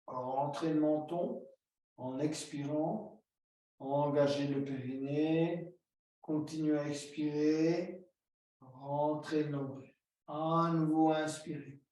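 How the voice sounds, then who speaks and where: Slow, calm male yoga teacher, echoey. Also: on the high side. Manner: slow, calm step-by-step breathing cues. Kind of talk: guided yoga instruction. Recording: very echoey room, distant mic.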